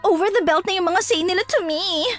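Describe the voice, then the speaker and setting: A woman's voice: very high-pitched, a little fast, a bit bright, faint music behind. A woman voicing a vain, dramatic, spoiled rich young woman who speaks in a posh, whiny mix of English and Tagalog. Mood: bratty.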